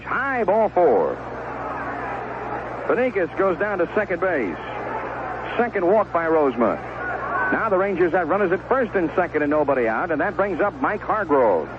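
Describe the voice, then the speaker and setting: Speaking from a stadium booth into a broadcast mic while monitoring through a headset, a man with a somewhat high voice delivers live baseball play-by-play in terse phrases and conversational commentary. The 1970s radio recording has its highs cut off, and background noise is present.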